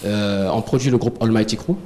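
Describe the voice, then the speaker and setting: A man's voice: fairly low pitch, brisk, darkish tone, slight background noise. A man from French Guiana with a French Guianese accent, a musician guest in a TV studio interview, talking modestly with many fillers and small laughs.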